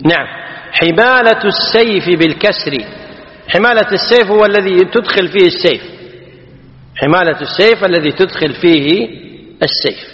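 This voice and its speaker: A man teaching a class on a classical text. He explains slowly, repeats key words and quizzes his listeners. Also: high-pitched, fairly bright tone. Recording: dull, echoey hall.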